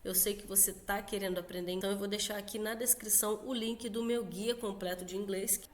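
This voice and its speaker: A Brazilian woman teaching an online English lesson in a casual, chatty way, often checking in with quick tag questions. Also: mid-range voice, steady tone. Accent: Brazilian Portuguese.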